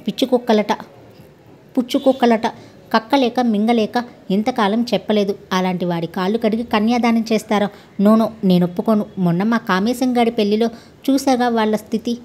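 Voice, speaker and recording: A woman's voice: on the high side, close to an everyday voice. Sastri, a woman doing a hot-headed young man. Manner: loud, blustering. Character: hot-tempered young man, quick to threaten.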